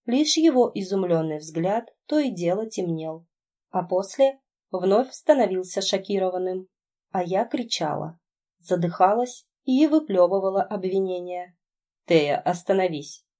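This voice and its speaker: A woman narrating an audiobook in the first person, telling the story in an emotional, expressive way. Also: mid-range voice, unhurried.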